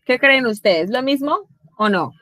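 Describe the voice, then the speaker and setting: A woman's voice: high voice, animated, a little slow, pushed and bright, dry recording. A woman English teacher, giving an online class and patiently checking in with her students. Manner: patient, checks in often with questions.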